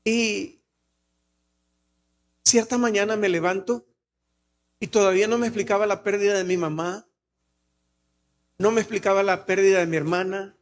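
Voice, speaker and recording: A man's voice: high voice, steady tone, moderate pace, long pauses. A man with a Salvadoran Spanish accent preaching a sermon in a church, earnest and personal, sometimes rising to emphatic exclamations. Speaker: pastor.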